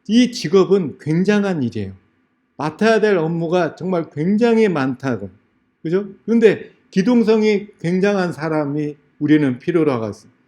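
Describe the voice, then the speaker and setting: A man serving as a lay elder delivers a revival-meeting sermon lecture. He talks in a fairly high voice with a dark, mellow tone. He tells stories in a conversational way and often puts questions to the congregation. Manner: storytelling, acts out dialogues in a raised voice; direct questions to the audience.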